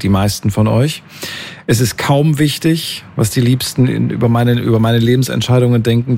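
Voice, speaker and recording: A man's voice: mid-range voice, vocal fry, darkish tone, slight background noise. A man hosting a podcast, casually talking through poll results, thinking aloud and correcting himself mid-sentence. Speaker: podcast host. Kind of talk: casual chat about listener poll results.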